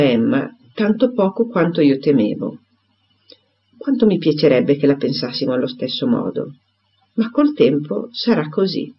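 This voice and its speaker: A man reading aloud and voicing a grave, firm gentleman who delivers serious news steadily. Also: a little high, husky, heavily acted. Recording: dull lo-fi recording.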